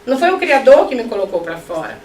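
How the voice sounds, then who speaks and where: A middle-aged woman giving a spiritist lecture, animated, with joking asides to her audience. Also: a little high, quick pace. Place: lecture hall. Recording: echoey hall, mic at a distance.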